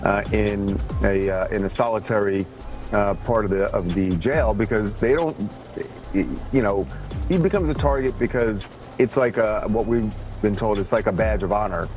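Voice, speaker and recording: A man giving halting, hesitant answers as a producer and commentator in an unscripted news interview. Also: fairly low pitch, darkish tone, soft background music. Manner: halting, hedging speech full of hesitations.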